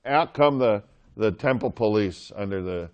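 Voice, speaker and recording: A man's voice: on the low side, expressive, unhurried, highs cut off. Joking, chatty male Bible teacher. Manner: chatty, joking with the class, asks questions. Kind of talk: classroom Bible lesson.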